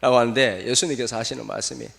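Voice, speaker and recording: A male pastor preaching a sermon in a church, animated, often asking the congregation questions. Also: mid-range voice, fast talker, vocal fry. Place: church sanctuary. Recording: long reverb of a church hall.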